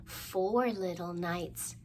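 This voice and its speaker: Leading rhymes and crafts at a children's storytime, a woman invites the kids to join in with a playful, encouraging manner. She speaks extremely slowly in a voice on the low side.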